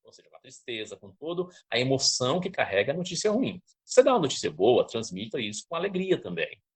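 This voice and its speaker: A man's voice: medium pitch, quick pace, breathy edge. A man from Brazil, teaching a lecture on public speaking, often checking in with his listeners. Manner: didactic, checks in with listeners, lively emphasis.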